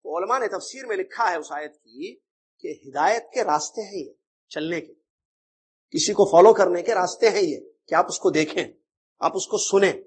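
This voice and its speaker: A male religious teacher with a high-pitched voice that carries a husky, slightly breathy edge. He lectures conversationally, often turning to the audience with rhetorical questions. The delivery is an informal teaching talk, not a formal recitation. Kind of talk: Islamic creed lecture.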